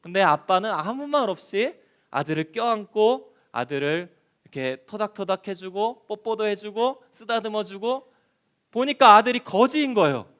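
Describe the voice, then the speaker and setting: Children's pastor, man, animated storyteller; high, smooth, clear voice. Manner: animated, asks children questions.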